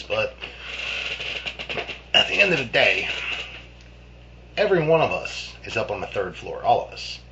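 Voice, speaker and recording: A man's voice: lowish voice, bright, forceful tone. A man casually telling a childhood ghost story in a rambling, profane way, full of restarts and fillers. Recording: dull lo-fi with faint hum.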